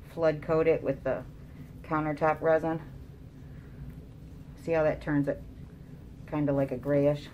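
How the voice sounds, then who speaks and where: A woman's voice: low voice, dark tone, a little hiss or hum. A woman casually narrating a craft tutorial, her voice muffled by a mask over her mouth. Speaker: resin craft demonstrator.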